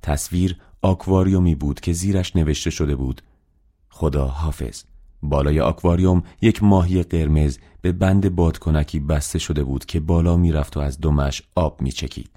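A man reading a novel aloud as a steady, measured audiobook narrator. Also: a bass voice.

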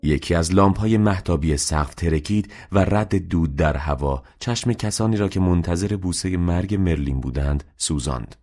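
A man reading a novel aloud as an audiobook narrator, in a steady, measured way. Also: low-pitched. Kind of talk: scripted narration.

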